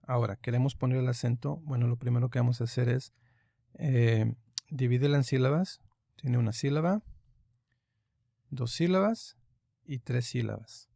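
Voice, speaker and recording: Man, teacher, online lesson, patient step-by-step explaining, gravelly, dry close sound. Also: mid-range voice, normal speed, long pauses, mellow, dry recording. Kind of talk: online lesson on Greek accents.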